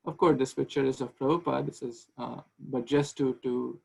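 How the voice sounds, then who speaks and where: The webcam captures a low-quality recording of a thirty-something man teaching a devotional class online, indoors in a small room where a ceiling fan runs. His voice is medium-pitched, gravelly, a little mellow and slightly rough, with a steady tone and moderate pace. His manner is conversational: he asks questions and keeps restarting and repeating words.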